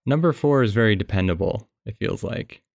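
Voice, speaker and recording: A man's voice: on the low side, lively intonation, brisk, gravelly, dry recording. A man hosting a podcast in casual chat, recording under a blanket and often laughing as he rambles. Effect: muffled by a blanket over the mic. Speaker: podcast host.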